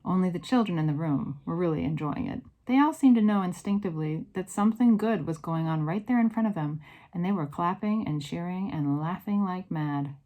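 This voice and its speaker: Woman reading a kids book out loud, lots of expression, lowish voice. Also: brisk, rough recording. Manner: expressive, varied storytelling. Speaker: read-aloud narrator. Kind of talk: reading a children's novel aloud.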